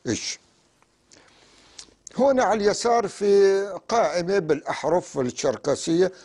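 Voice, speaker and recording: Male teacher, raised pitch, patient and deliberate delivery. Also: expressive, a little mellow, slightly rough. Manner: slow, deliberate spelling-out of sounds. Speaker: language teacher. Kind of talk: classroom lesson.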